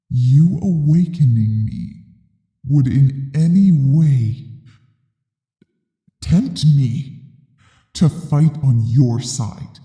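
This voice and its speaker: An ancient dragon queen with a very dark, low voice. She speaks extremely slowly and imperiously, with menacing contempt, in a theatrical ASMR roleplay. Her words ring out in a cavernous, echoing space. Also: exaggerated voice. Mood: scornful. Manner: imperious, deliberate, disdainful. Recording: cavernous echo and long reverb.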